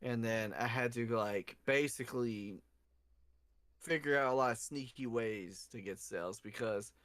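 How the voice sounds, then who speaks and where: A young man co-hosting a loose, casual podcast, spinning animated work stories peppered with swearing. His voice sounds dry and close, with no room echo. He often acts out what other people said. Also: mid-range voice, unhurried. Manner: animated storyteller, cusses freely, acts out quotes. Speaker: podcast co-host. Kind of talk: casual drunken storytelling chat.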